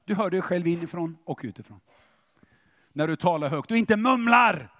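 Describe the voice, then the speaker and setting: A man preaches in a church, his voice slightly high and swinging widely in pitch. He talks animatedly and keeps checking whether his listeners are following. A long church reverb trails behind every phrase. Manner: animated, questioning the audience. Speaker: pastor. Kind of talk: sermon.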